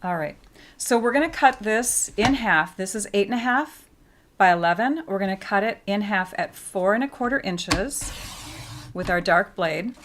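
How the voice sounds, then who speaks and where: A woman's voice: mid-range voice, animated, moderate pace, noisy background. A woman giving a casual paper-craft tutorial, chatty and explaining each step with frequent fillers.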